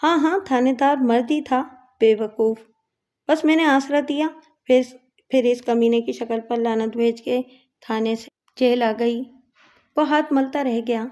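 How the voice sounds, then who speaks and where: A brash woman inmate who brags and sneers, read by a woman storyteller. The voice sits a little high with a warm, mellow tone. She talks with a mocking swagger. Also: fairly even intonation, lightly acted. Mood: boastful. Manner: boastful, mocking.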